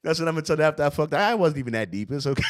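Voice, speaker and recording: Loud, profane New man. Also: on the high side, lively intonation, very fast. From Brooklyn, New York. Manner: loud, profane, laughing, mocking. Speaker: podcast host. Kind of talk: casual reaction commentary.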